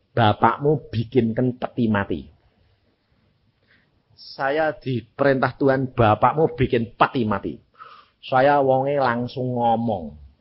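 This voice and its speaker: Older male preacher, high-ish husky voice, dramatic storytelling sermon, lo-fi tape sound. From Indonesia. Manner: dramatic swings in pitch and loudness, acts out dialogue. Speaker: evangelist preacher. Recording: dull lo-fi recording.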